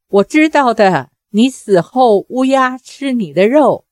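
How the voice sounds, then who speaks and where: A timid, childlike young woman pleads in a high, fearful voice, slow and hesitant, as a woman narrator puts her on. The voice sounds close and dry, with no room around it. It belongs to an audiobook telling. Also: animated, darkish tone, dry recording. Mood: frightened. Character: simple-minded young woman, frightened and childlike.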